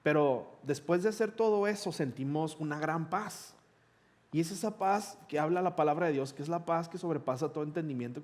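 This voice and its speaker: A middle-aged man, a pastor telling a personal story in a conversational sermon and acting out the dialogue. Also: on the high side. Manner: conversational, animated retelling with quoted dialogue.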